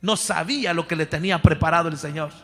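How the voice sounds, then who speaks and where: A man preaching a fervent sermon with a Mexican Spanish accent, often shouting and calling on the congregation to repeat after him. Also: a little high, quick pace, big-room sound.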